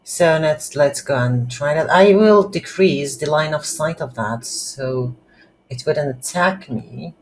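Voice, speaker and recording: While walking through a screen-recorded coding lesson, a tutorial instructor thinks aloud in a halting, unscripted way. His mid-range voice comes through on poor audio with light background noise.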